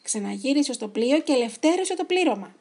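A woman reading a children's story aloud in an expressive, animated way. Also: sits high.

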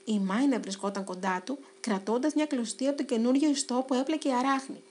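A woman narrating a children's storybook in an expressive, dramatic way. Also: on the high side.

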